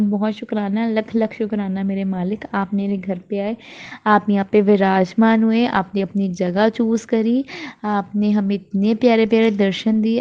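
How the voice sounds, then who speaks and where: A woman's voice: medium pitch, muffled recording. A young woman in her twenties sharing a heartfelt devotional testimony at home, earnest and grateful, repeating her thanks. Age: 20s. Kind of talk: devotional testimony, casual chat. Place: at home before a shrine.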